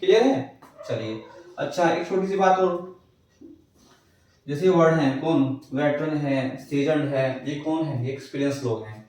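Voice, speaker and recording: A man's voice: a little high, measured pace, pauses often, a little mellow. A male English teacher lecturing a class, who keeps asking his students questions and answering them himself. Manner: repeats checks like "clear hai". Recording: echoey classroom, far from the mic.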